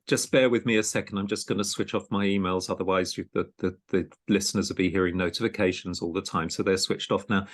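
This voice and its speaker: Hesitant low-voiced man hosting a podcast. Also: fairly even intonation, fast talker, few pauses. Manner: hesitant, many ums and restarts. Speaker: podcast host and programme director. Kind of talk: conversational interview.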